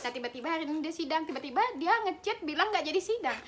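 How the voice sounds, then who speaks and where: A woman's voice: sits high, animated, racing, a bit bright. A young woman casually telling a story to a friend, acting out the quotes and laughing often.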